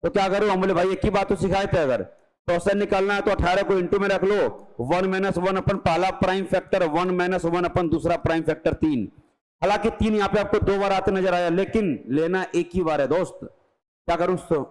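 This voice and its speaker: A rough recording carries a male math teacher's high, steady voice as he gives an exam-prep lecture. He keeps a brisk, coaxing pace, often acting out questions from his students and answering them himself.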